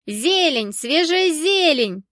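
Woman voicing a shrill shouting market vendor. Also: lively intonation, slow pace, dry recording, studio quality, full character voice. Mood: hawking loudly. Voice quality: piercing, shrill and high. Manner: hollering sales cries. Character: loud brash female market vendor hawking herbs. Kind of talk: audiobook character voice.

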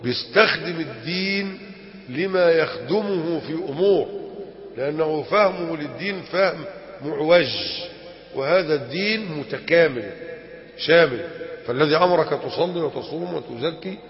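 A man with an Egyptian accent teaching a colloquial religious lesson, animated and full of rhetorical questions to his listeners. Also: fairly high pitch, moderate pace. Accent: Egyptian Arabic. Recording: echoey hall, dull lo-fi.

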